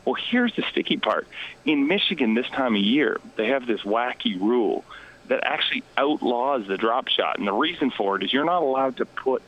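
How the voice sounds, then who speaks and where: A man speaking as a guest on a radio interview, talking quietly and self-deprecatingly from outdoors by a lake. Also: mid-range voice, animated, normal speed, highs cut off. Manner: hushed, quieter than usual. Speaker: guest, fishing show host. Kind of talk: casual radio interview chat.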